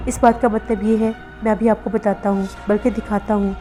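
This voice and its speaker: A woman's voice: mid-range voice, flat delivery, dark tone, soft background music, close to an everyday voice. A woman reading the lines of a confident old male faith healer in a horror story. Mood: calm, assuring. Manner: confident, reassuring.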